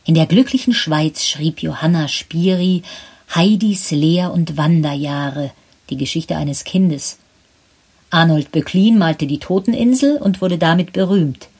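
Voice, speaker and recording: A woman narrating a story in measured scripted storytelling with a husky voice. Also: low-pitched, darkish tone.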